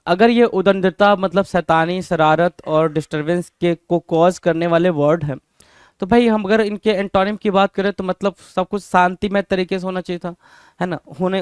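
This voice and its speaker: A man's voice: high-pitched, clear, resonant tone, no echo. A man teaching an exam-prep vocabulary lesson, asking rhetorical questions and repeating each word.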